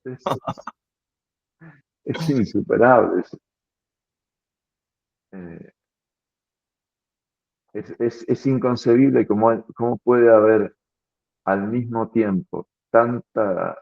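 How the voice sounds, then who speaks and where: A man's voice: fairly low pitch, slow, gravelly, pauses often, dry recording. A man in an earnest, reflective philosophical conversation, often repeating words as he thinks. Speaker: philosophy commentator. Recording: tinny phone-like line.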